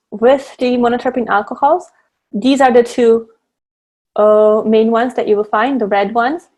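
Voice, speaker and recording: A woman's voice: a little high, a little mellow. A woman leads an online class on blending essential oils over a video call. She explains each step patiently, but her sentences stumble, restart and fill up with ums and uhs. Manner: hesitant, with many fillers and restarts, explaining step by step. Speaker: guest presenter teaching essential oil blending. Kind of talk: online teaching demonstration.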